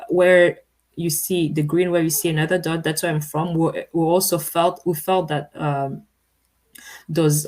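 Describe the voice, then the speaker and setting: Young woman from Rwanda, PhD presenter, low voice, halting with fillers. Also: a little mellow. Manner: hesitant, many fillers, laughs off slips. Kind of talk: research presentation.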